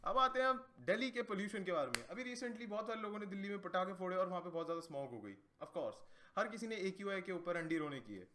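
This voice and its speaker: A high-pitched man rattles through crude comedy bits. He talks in an animated way and keeps slipping into put-on voices between jokes. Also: quick pace, slight background noise. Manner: crude, animated, slips into impressions. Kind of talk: stand-up style comedy bits.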